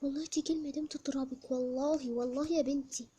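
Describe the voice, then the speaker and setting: Homemade whispered role-play: a young performer as a scolding, sharp stepmother, loud and a little high. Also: fairly even intonation, quick pace, a little hiss or hum, lightly acted. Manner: scolding, barking commands. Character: harsh bossy stepmother, shouting orders at servants.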